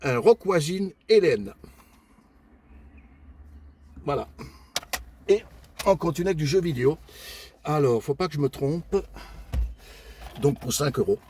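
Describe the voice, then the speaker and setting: An older man talks through his flea-market finds in a relaxed vlog, naming each item in turn with frequent pauses and fillers. His voice sits a little higher than usual for a man. Faint background noise runs under him. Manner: warm and chatty toward his viewers. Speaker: flea-market collector vlogger. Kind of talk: casual show-and-tell vlog.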